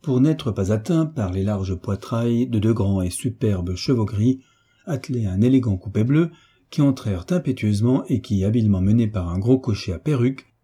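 A man narrating a classic novel as an audiobook, measured and steady. His voice is low and husky, with a very dark, mellow tone. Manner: measured, storytelling.

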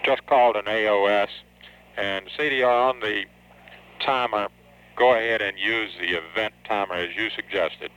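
A man's voice: on the low side, steady tone, moderate pace, fairly bright tone. A man working as a spacecraft communicator in an astronaut radio exchange, speaking in clipped procedural phrases. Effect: mission radio. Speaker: spacecraft communicator at mission control. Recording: dull, slightly noisy radio link.

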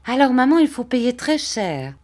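A woman's voice: sits high, sing-song, normal speed, darkish tone, voice pushed up. A woman voicing an eager, sickly young boy in an audiobook reading.

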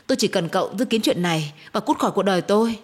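A woman voicing a heartbroken young woman who sobs and pleads in a rushed, tearful voice, in a storybook reading. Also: medium pitch, lively intonation, husky. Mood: sobbing, pleading.

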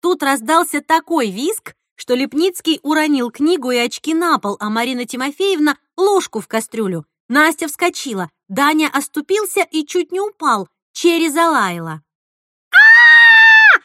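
A woman narrating an audiobook in an animated, expressive storytelling manner. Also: sits high, moderate pace, few pauses, no room sound, studio quality.

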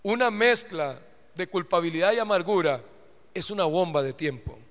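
A man's voice: sits high, expressive, normal speed, fairly bright tone. A man with a Costa Rican accent preaching fervently to his congregation in a live church sermon, often calling out to the listeners. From Costa Rica. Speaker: pastor. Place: church sanctuary. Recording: reverberant church hall.

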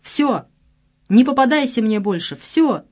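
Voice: mid-range voice, animated, measured pace. An audiobook reader voicing a hurt, angry young man back from the army who speaks with bitterness. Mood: furious. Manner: bitter, shouting in pain. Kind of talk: audiobook character voice.

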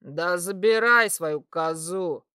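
A woman voicing a drunk, lecherous male warlock who talks in a slow, loud, leering drawl, lower than her own voice. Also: clear, resonant tone, no room sound, studio quality. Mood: grudging.

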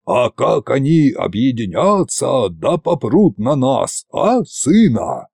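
A man voicing a sly, brooding old tsar who muses in a slow, conspiratorial way. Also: mid-range voice, sing-song, vocal fry, darkish tone, slightly rough, no room sound, clean studio sound, heavily acted. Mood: musing.

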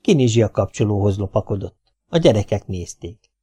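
A man narrating a children's novel as an audiobook, telling the story in a lively, wry way. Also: on the low side, breathy edge.

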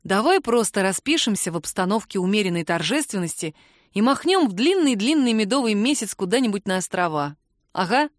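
A woman's voice: mid-range voice, sing-song, a little fast, no room sound, natural voice. A woman reading the part of an affectionate, teasing young man who drawls sleepily, in a dry close recording.

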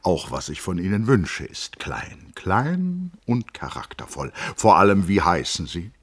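A man voicing a grand, commanding old man who speaks in solemn, emphatic, halting phrases that break off midway, in a literary audiobook reading. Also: sits low, very animated, husky, heavily acted. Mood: grandly gentle.

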